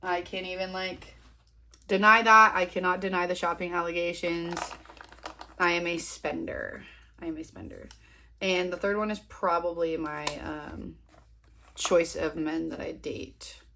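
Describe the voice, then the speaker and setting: A young woman vlogger in her twenties, nursing a cold that leaves her slightly sniffly, chats to camera at home while putting on makeup, rambling and self-deprecating. Her lowish voice is gravelly, bright and forceful, unhurried, with a little hiss or hum in the background.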